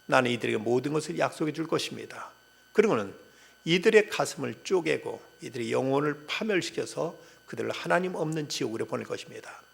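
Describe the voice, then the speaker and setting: A man, a pastor, voicing a scheming male devil who bargains with defiant, quick retorts inside a sermon. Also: on the high side, expressive, gravelly, breathy edge, full character voice. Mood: boastful. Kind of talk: acted quote within a sermon.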